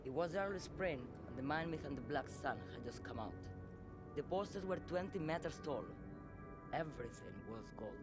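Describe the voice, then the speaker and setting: A man's voice: fairly high pitch, animated, moderate pace, over music, lightly acted. A man acting a bitter, nostalgic exile in a game. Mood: wistful, scornful. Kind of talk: video game dialogue acting.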